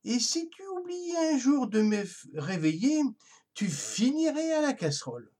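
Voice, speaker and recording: A storyteller voicing a pompous, short-tempered baron who blusters and shouts. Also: high voice, sing-song, unhurried, pitched above the performer's own voice, heavily acted. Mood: threatening.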